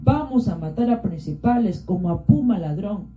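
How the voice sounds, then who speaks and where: A woman's voice: medium pitch, expressive, normal speed, lightly acted. A woman voicing a defiant male Andean villager, a horn player rousing the others in broken rural speech. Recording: roomy, dull lo-fi.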